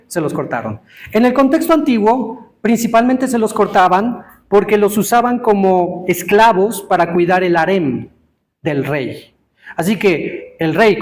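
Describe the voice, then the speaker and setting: A man giving an interactive Torah teaching to a live congregation, quizzing listeners and stressing words slowly. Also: high-pitched.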